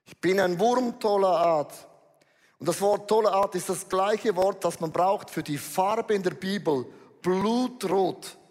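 A man's voice: high-pitched, a little slow, a little mellow. A man preaching a sermon to a congregation, emphatic and slangy, dropping in English phrases. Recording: reverberant hall.

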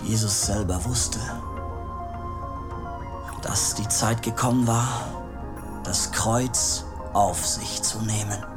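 A man's voice: fairly low pitch, slow, long pauses. An actor playing a remorseful male disciple, telling his story in an earnest staged monologue. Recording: music playing underneath.

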